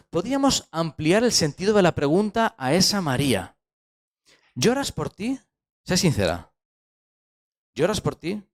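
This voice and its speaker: Animated Spanish man preaching. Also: on the high side. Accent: Spanish from Spain. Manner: animated preaching, acts out quoted voices and rhetorical questions. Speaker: pastor. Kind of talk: sermon. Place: church hall.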